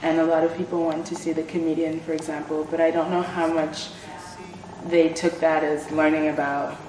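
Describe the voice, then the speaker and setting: A woman's voice: deep voice, little pitch movement, moderate pace, a little mellow, a little hiss or hum. A young woman originally from Nigeria, an international student, giving candid, wry interview answers. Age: young adult. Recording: very echoey, distant from the mic.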